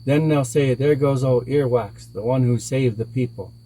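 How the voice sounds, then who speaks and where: A man's voice: mid-range voice, moderate pace, a little hiss or hum, natural voice, poor audio. A man voicing a sly, cocky male coyote trickster in a folk tale, calling out with sarcasm. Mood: sarcastic shouting. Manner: sarcastic, taunting shouts. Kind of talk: oral folk tale character voice.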